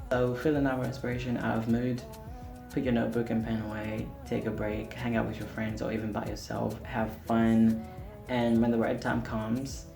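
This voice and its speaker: Music plays behind this man's mid-range, gravelly voice, and the room gives it an echo. He's a singer-songwriter whose first language is Portuguese, speaking candidly to camera in a casual vlog and a little self-deprecatingly.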